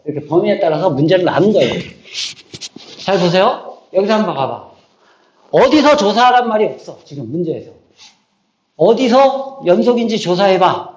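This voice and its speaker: A man teaching high school math in a classroom, bluntly ranting and quizzing students with repeated prompts. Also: a little mellow. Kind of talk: classroom lecture. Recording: echoey classroom, dull lo-fi sound.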